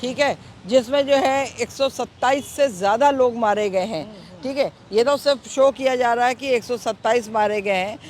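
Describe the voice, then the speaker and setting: A woman's voice: on the high side, normal speed, a little mellow, slight background noise. A woman answering a street interview outdoors, emphatic and indignant, often asking "right?" as she makes her points.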